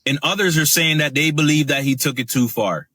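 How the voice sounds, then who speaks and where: A man recapping a news story in steady, matter-of-fact narration. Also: a little high, brisk, no room sound.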